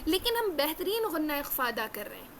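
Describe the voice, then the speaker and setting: A woman teaching Quran recitation rules in an earnest lesson, repeating key phrases and slowing down for emphasis. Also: sits high, very animated, slight background noise. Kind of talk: religious lesson.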